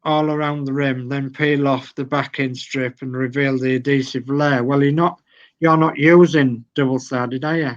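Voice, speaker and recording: Here a medium-pitched male voice with fairly even intonation comes through audio with the highs cut off. It belongs to an older man with a Yorkshire accent who calmly reads model-building instructions aloud, step by step, over a video call, taking his time.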